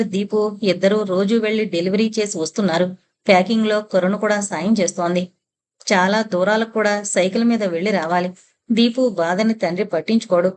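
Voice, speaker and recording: A woman narrates a serialized audio novel in a steady, measured way. Her voice sits in an ordinary middle pitch for a woman.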